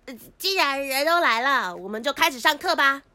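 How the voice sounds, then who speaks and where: A woman's voice: high voice, expressive, moderate pace, bright, forceful tone, no room sound. A woman voicing a cheerful female drawing teacher in a cartoon, bubbly and a little flustered. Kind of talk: cartoon voice acting.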